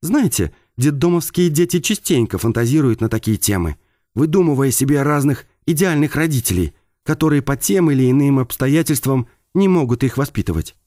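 A man reading a novel aloud, voicing a sharp-tongued female talking bird in a hushed, scolding manner. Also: mid-range voice, expressive, brisk, no room sound, clean studio sound, voice pushed up, close to an everyday voice. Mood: irritated.

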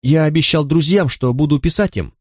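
A man voicing a calm, composed young male recruit who answers his commander politely in an audiobook. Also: a little high, brisk, no room sound, clean studio sound, natural voice.

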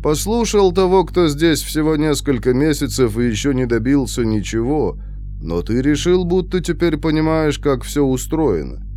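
A man voicing a calm, detached young male prisoner in his twenties who speaks slowly and in a measured, lecturing way. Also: fairly high pitch, faint music behind, close to an everyday voice. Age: 20s.

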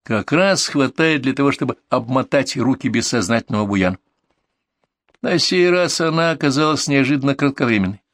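A man reading a first-person story aloud in steady, vivid audiobook narration. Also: mid-range voice, normal speed, no room sound.

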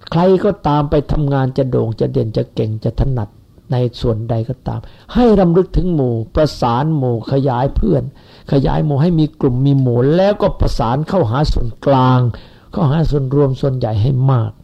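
A man's voice: medium pitch, expressive, a little fast, gravelly. A man in his seventies giving a rambling, folksy Buddhist sermon to followers. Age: 70s. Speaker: Buddhist teacher. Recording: lo-fi dull recording.

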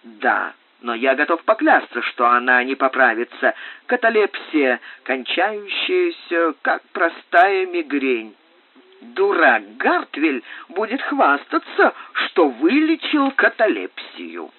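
A man's voice: a little high, very animated, slow, dry recording, heavily acted. A man voicing a furious, vain male doctor in an audiobook, with scornful outbursts, on a tinny recording. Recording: tinny phone-like dry sound.

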